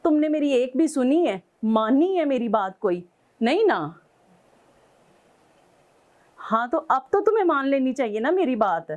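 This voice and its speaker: A woman's voice: high voice, sing-song, measured pace, pauses often, a little mellow. A woman from Pakistan, angrily scolding her husband on a call and then telling a host about it in an indignant, pleading way. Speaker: caller, estranged wife. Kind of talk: angry phone call to husband.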